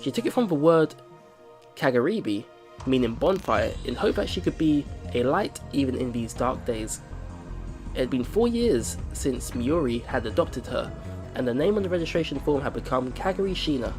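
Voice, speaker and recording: Here a man of medium pitch narrates a visual novel for his let's play at normal speed, his voice swinging widely up and down. He reacts informally with exclamations between lines while game music plays.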